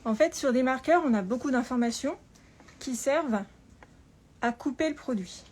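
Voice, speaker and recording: A woman presenting an informal tutorial through a face mask, speaking carefully and deliberately with frequent pauses and a slightly muffled sound. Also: sits high, a little mellow. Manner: careful, deliberate, often pausing. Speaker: patternmaker presenting a lesson. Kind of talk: spoken tutorial with informal explanations. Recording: clear background room noise.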